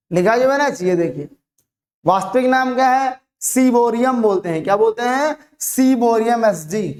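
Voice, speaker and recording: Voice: medium pitch, a little mellow. Teacher drilling terms by repetition. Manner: asks and answers own questions, repeating terms slowly. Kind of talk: online chemistry lesson.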